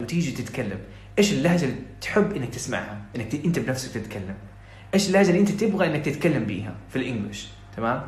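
Earnest fast-talking Saudi man. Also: a little high, echoey room. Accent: Saudi Arabic. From Saudi Arabia. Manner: earnest, pleading, mixes in English phrases. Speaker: English-learning podcaster. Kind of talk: motivational podcast talk.

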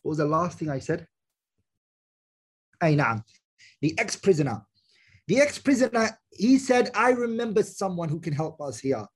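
A man's voice: a little high, big pitch swings, normal speed, long pauses, husky. A man giving a religious lesson, explaining phrase by phrase, repeating himself and checking that listeners follow. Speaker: religious teacher. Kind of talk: Quran exegesis lesson with Arabic recitation and English explanation.

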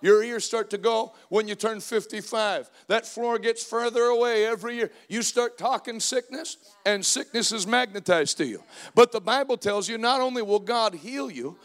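High-voiced, energetic preacher in his forties. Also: normal speed. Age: 40s. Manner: energetic, joking, call-and-response with the congregation. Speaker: pastor. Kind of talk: sermon.

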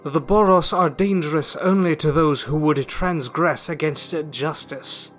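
A man voicing a stern, forceful minotaur woman. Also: fairly high pitch, unhurried, soft background music. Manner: forceful, challenging.

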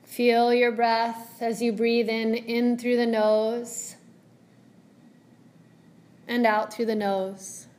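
A yoga teacher guides a meditation in a fairly high, level voice. She speaks gently and soothingly, in measured phrases separated by long pauses.

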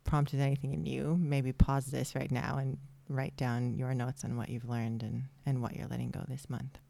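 A woman's voice: extremely low pitch, level tone, moderate pace, vocal fry, dark tone, no echo. A woman co-hosting a podcast in casual, reflective chat. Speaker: podcast co-host.

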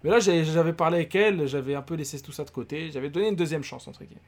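A man's voice: a little high, very fast. Slangy young Frenchman telling a story. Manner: slangy, animated storytelling with quoted voices. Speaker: podcast co-host. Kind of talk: casual storytelling chat.

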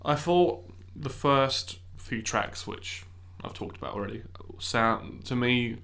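A man's voice: medium pitch, expressive, takes it slowly, a bit bright, a little hiss or hum. A man in a casual music review chat, hesitant and hedging his opinions.

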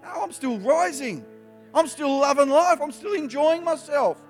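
A man in his fifties preaching an emphatic sermon to young people, his voice rising in animated bursts. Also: very high-pitched, measured pace. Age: 50s. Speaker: youth preacher. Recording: live hall with long reverb, soft music behind.

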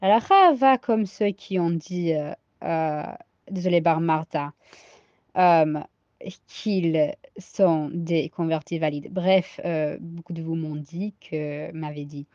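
A woman with an American accent and a cold teaches a Talmud page, reading each Aramaic phrase and then working out the translation with many hesitations. Her voice sits low and mellow. The recording is dry and dull, with a lo-fi sound. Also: slow, dry recording. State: sick with a cold. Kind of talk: daily Talmud lesson.

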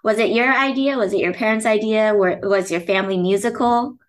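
A woman's voice: medium pitch, a little fast. A woman hosting a podcast, asking curious, friendly questions. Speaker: podcast host.

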